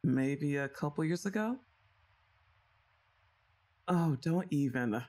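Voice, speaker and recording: This young woman's low voice rises and falls with lively intonation as she teases the listener in a bossy, playful manner. It's a scripted ASMR roleplay spoken directly to the listener, delivered slowly with soft sighs and laughter between lines.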